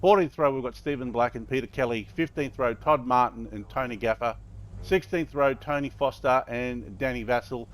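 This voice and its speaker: A man's voice: mid-range voice, normal speed. A man calling a motor race live as a commentator, running through drivers and the action.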